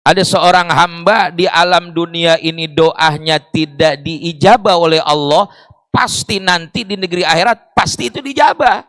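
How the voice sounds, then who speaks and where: A man's voice: a little high, moderate pace, fairly bright tone, no room sound. A man preaching a sermon in a mosque, explaining with rhetorical questions and Arabic phrases.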